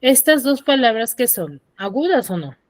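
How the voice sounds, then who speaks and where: A woman's voice: fairly high pitch, sing-song, moderate pace, very noisy. A woman teaching a secondary school class over a video call, quizzing her students and checking often that they follow. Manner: quizzes the students, often checks understanding with short tag questions.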